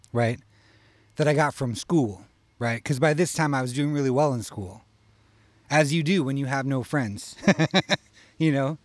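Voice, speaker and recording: A man's voice: medium pitch, no echo. A man from Iowa telling a casual personal story, rambling and profane, tagging his lines with "you know?". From Iowa, USA.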